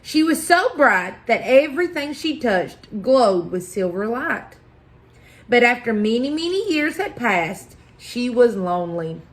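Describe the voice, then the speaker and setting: A woman reading a children's picture book aloud as a story-time host, deliberate and expressive, pausing for effect. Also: on the high side. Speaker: library story-time reader.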